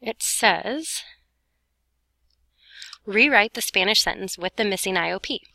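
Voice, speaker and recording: A woman's voice: mid-range voice, expressive, unhurried, bright, forceful tone, no room sound, clean studio sound. A woman teaching a grammar lesson step by step in an informal way, breathing heavily and short of breath as she talks. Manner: breathing heavily while talking; informal, talks students through each step, self-correcting. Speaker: Spanish teacher recording an explanation for students.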